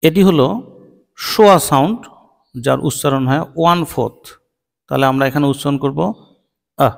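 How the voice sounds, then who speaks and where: A man with a Bengali accent, a native Bengali speaker, teaching English phonics to children, drawing out each word slowly as a drill. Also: a little high, creaky, long reverb tail. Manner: slow, drawn-out word-by-word pronunciation drills.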